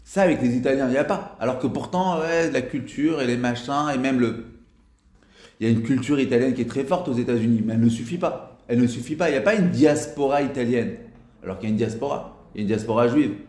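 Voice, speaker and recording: A man giving a casual spoken lesson as a religious teacher, talking in a halting way with frequent restarts and fillers. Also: mid-range voice, a little mellow, echoey room.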